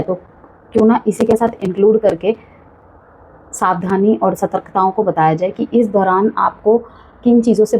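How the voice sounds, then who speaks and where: A woman's voice: mid-range voice, mellow, slight background noise, poor audio. A woman giving a chatty monthly tarot horoscope reading, full of warnings and frequent check-ins with the listener. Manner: chatty, cautionary, repeats "ठीक है" often. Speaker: tarot reader.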